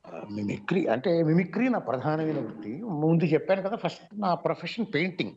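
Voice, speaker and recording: A Telugu-accented man, a mimicry artist, talks through his answers on an online radio interview. He is measured and explanatory, with many pauses and fillers, in a slightly high voice. The audio is dull and lo-fi. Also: animated, darkish tone.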